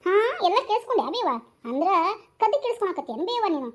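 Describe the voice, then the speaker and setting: A woman's voice: very high-pitched, sing-song, fast. A woman voicing a sassy teenage younger sister who talks back, with a North Karnataka Kannada accent. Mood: cheeky. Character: cheeky teenage younger sister, quick-tongued. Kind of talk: homemade village drama.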